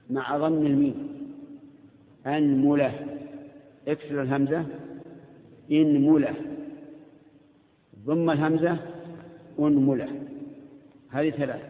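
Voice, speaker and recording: A man teaching a class, patiently quizzing his students and repeating words slowly. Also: a little high. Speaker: teacher of Islamic jurisprudence. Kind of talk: classroom lecture. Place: lecture hall with students. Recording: tinny, echoey old hall recording.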